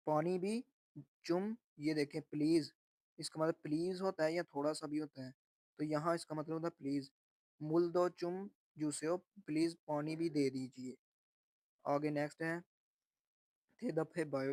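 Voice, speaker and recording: A man teaching a textbook lesson, slowly repeating each phrase and then explaining what it means. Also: on the high side, no room sound. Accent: Urdu-Hindi speaker. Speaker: Korean language teacher.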